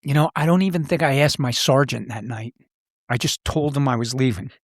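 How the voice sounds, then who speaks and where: This middle-aged man, a podcast host and former police officer, talks a little fast at medium pitch. In conversation he tells personal stories in a serious, plain-spoken, reflective way. The recording is dry and studio clean.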